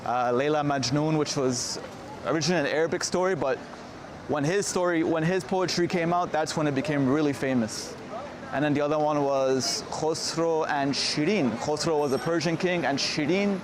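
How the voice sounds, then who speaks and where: A man's voice: on the high side, normal speed. A man giving a chatty, casual walking tour as a travel vlogger outdoors on a city street. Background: street noise and vehicles.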